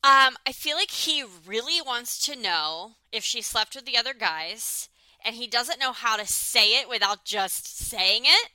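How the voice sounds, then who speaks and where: A young woman with a bright, crisp voice talks through a reality show in casual podcast chat. She gets fired up and acts out what people said. The sound is dry and close. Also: fairly high pitch, animated, a little slow, no echo. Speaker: podcast co-host.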